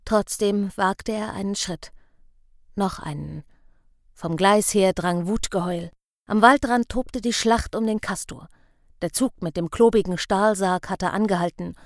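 A woman reading a novel aloud in measured, expressive audiobook narration. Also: medium pitch, no echo, studio quality.

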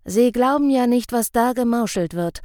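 A woman voicing a gruff, stubborn bearded male professor who grumbles and lectures. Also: on the high side, normal speed, warm tone, dry recording, clean studio sound, voice pushed up, lightly acted. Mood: lecturing. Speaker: field researcher.

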